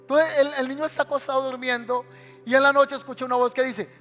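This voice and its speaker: A man's voice: very high voice, flat delivery, fast, a bit bright. A male pastor preaching a dramatic sermon and acting out the scenes he tells. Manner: dramatic storytelling preacher who acts out scenes. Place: church sanctuary. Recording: reverberant church hall with faint music.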